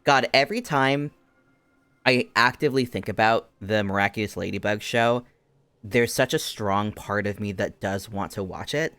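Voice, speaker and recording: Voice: mid-range voice, a bit bright, no room sound. A game streamer chatting casually while playing, with playful, amused asides. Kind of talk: casual commentary while playing a game, reading dialogue aloud.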